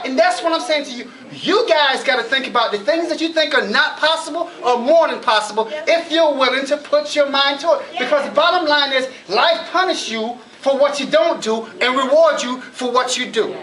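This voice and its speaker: At a college event, a middle-aged man delivers a motivational keynote in an extremely high, fairly bright voice at normal speed with few pauses. Through stories, he voices his inner thoughts with building emphasis; the recording quality is low.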